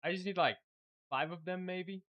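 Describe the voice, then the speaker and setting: A young Chilean man whose first language is Spanish speaks in a high voice at normal speed. He's casually building his game on a live stream, thinking aloud. His manner is relaxed, with plenty of fillers.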